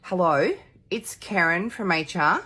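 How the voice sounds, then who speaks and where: A woman's voice: fairly low pitch, unhurried, bright, forceful tone, breathy edge. A woman doing a comic sketch, repeating one greeting in a string of mimicked accents. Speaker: TikTok comedian.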